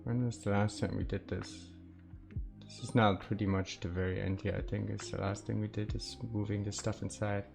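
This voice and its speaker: A man's voice: fairly low pitch, level tone, moderate pace, creaky, music in the background. A man live-streaming a survival game, thinking aloud and chatting casually with his viewers.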